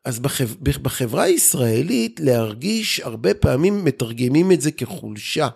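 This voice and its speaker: A man's voice: mid-range voice, sing-song, vocal fry, a little mellow, husky. A man, a group therapist and guest, explaining things thoughtfully in conversation and often restarting his sentences.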